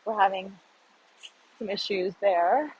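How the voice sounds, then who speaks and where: Walking outdoors in the city, a middle-aged woman from the United States films a casual vlog, slowly rambling through her thoughts. Her medium-pitched voice sounds muffled in the recording, over faint street noise.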